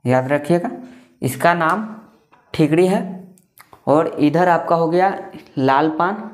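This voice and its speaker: A man's voice: fairly high pitch, slow pace. A man explains a maths lesson in an easygoing classroom way. He repeats each point and keeps asking questions that he answers himself. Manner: repetitive, asks and answers own questions. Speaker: maths teacher.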